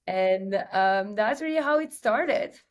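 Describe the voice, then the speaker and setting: A woman's voice: fairly high pitch, slow. Belgian-accented woman telling her story. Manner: lively storyteller with many filler ums. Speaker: guest, company CEO. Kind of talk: casual interview chat.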